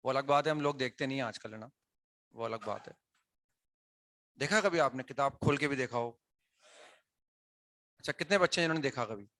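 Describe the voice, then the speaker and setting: A man's voice: mid-range voice, a little fast, pauses often, pushed and bright, no echo. A male teacher talks to his students in a classroom, explaining things conversationally and often checking whether they follow. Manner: conversational, asks students questions, frequent "है ना" tags.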